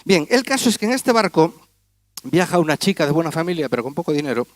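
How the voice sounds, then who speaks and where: A man's voice: on the high side, very animated, quick pace. A man doing comic stage patter as a magician, teasing and chatting with volunteers in front of a gala audience. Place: auditorium stage.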